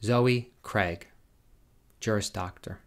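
A man announces graduates' names one by one at a commencement. He speaks very slowly and deliberately, in a lowish voice, keeping a formal, measured rhythm. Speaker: commencement name reader.

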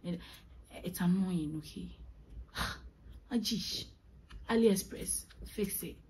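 A woman's voice: fairly low pitch, slow pace, darkish tone, slightly rough, poor audio. A young woman venting in a vlog, emphatic and exasperated, repeating her points for effect. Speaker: vlogger. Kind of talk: ranting vlog monologue.

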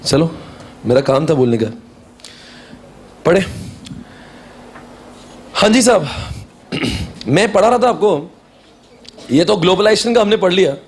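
Stern, husky male teacher lecturing. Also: sits high, expressive. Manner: stern, urging students to study hard; reads questions aloud slowly, word by word. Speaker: CA exam teacher. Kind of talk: classroom lecture mixing Hindi and English. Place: classroom.

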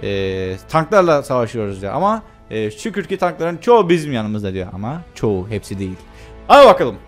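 A young man chats his way through a war game as he plays, joking and stalling with filler sounds. His voice sits at a middle pitch, with faint music playing under it. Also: sing-song, fairly quick. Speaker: gameplay commentator. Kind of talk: casual let's-play commentary.

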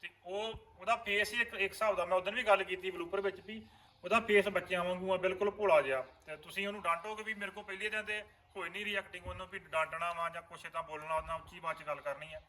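A man's voice: high voice, steady tone, fast talker, sharp tone. A man, an actor in a vlog series, earnestly explaining roles to viewers. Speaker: vlogger and actor. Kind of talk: casual chat.

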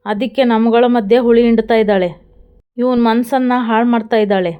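A woman's voice: fairly high pitch, fairly even intonation, normal speed, clear, resonant tone, muffled recording, natural voice. A woman reading the lines of an indignant, proud woman from a TV serial in a plain recap voice. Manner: read out plainly in a retelling.

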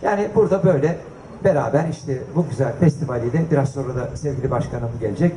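A man's voice: medium pitch, fast, warm tone, a little hiss or hum. An older man chatting casually to an audience as a guest, telling jokey anecdotes. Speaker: guest speaker and collector. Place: festival stage before an audience. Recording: echoey live event sound.

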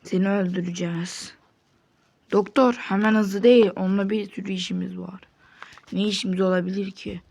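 A woman playing a sandbox game and giving its characters voices, moving between hushed threats and high panicked pleas. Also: fairly even intonation, moderate pace, creaky. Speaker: game player.

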